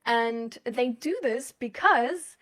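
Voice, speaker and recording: This German woman speaks slowly, with a voice on the high side and a fairly bright tone. As a live host in a casual chat, she rambles, thinks aloud hesitantly, and giggles, laughing often while talking.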